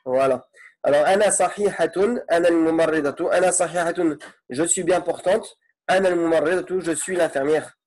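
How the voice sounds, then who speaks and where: A man's voice: a little high, brisk, a little mellow. A man teaching an online Arabic grammar lesson in French, explaining patiently and checking in with his students often.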